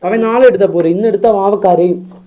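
A man's voice: sits high, normal speed, warm tone. A man filming himself playing with a toddler, using coaxing, repetitive baby talk full of sing-song questions.

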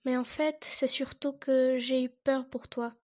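A woman voicing a shy, sad little boy beaver who speaks quietly and plaintively. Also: sits high, fairly even intonation, a little slow.

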